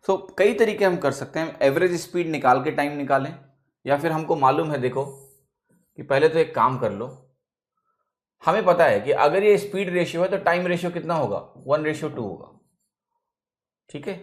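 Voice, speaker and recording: Man, Indian accent, math teacher, slightly high voice, step-by-step explaining, checks in with students. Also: lively intonation, normal speed, long pauses. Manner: mixes English phrases into Hindi. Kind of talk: classroom lecture.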